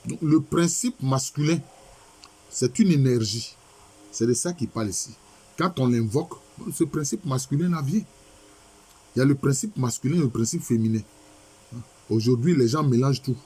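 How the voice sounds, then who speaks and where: In this lecture with text commentary, a male professor reads Egyptian passages aloud and unpacks them, frequently asking his own questions and then answering them. He speaks at a moderate pace with frequent pauses, in a mellow, slightly rough medium-pitched voice.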